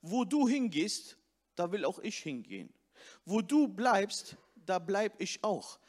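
A man with a high voice preaching a sermon. He speaks straight to the listener and builds up emphasis as he goes. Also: sing-song, slow, a little mellow. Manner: preaching with rising emphasis, addressing the listener directly.

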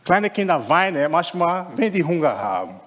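High, lively preacher in a hall. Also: male voice, normal speed, a little hiss or hum. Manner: conversational preaching, frequent "ja?" tag questions. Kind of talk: sermon.

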